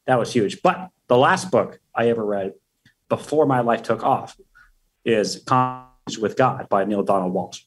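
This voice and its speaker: Husky, hyped-up man talking big. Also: fairly low pitch, moderate pace. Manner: energetic, profane, hype-driven. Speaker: podcast guest. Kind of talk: casual interview talk.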